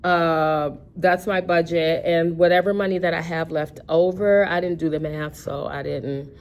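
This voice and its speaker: A woman's voice: on the low side, steady tone, unhurried. A woman chatting casually about her budget, rambling with many fillers and restarts. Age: 50s. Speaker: personal finance vlogger.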